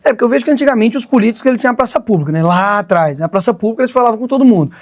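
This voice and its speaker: Fast-talking young Brazilian man, combative. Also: extremely high pitch, expressive. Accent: Brazilian Portuguese. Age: 20s. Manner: fast, combative, conversational with slang. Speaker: politician guest. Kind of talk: podcast interview.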